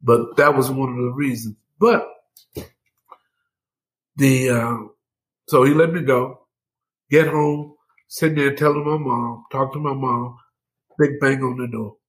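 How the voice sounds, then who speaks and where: An older man, in his seventies, recounting his own memories as a podcast guest. He talks in a loose, animated storytelling way. He laughs easily and keeps calling the listener "man.". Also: mid-range voice, a little slow, pauses often, poor audio. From Mississippi, United States. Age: 70s. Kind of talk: casual first-hand storytelling.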